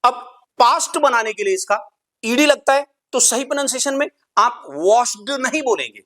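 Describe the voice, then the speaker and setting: A man's voice: very high voice, lively intonation, moderate pace, pushed and bright. A man teaching English pronunciation in a lesson. He asks questions, answers them himself, and spells words out letter by letter. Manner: repeats rules for emphasis.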